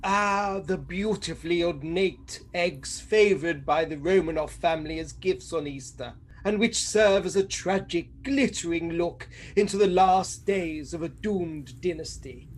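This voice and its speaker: A man playing a prim, sceptical doctor sidekick in a comic radio drama, wry and deadpan. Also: a little high, measured pace, hardly any pauses, a little hiss or hum, lightly acted.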